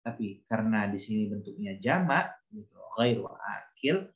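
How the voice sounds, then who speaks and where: A man's voice: fairly low pitch, expressive, normal speed, roomy sound, dull audio. A male teacher giving a grammar lesson, explaining patiently, repeating examples and calling on students by name. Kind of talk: classroom lesson.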